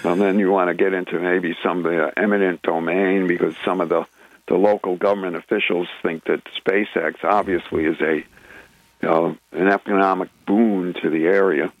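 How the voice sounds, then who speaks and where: A man's voice: sits low, steady tone, moderate pace, no room sound, highs cut off. A man co-hosting a radio talk show, explaining the news in a rambling way full of restarts and filler sounds. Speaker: radio show co-host presenting news segments. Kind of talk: casual radio chat.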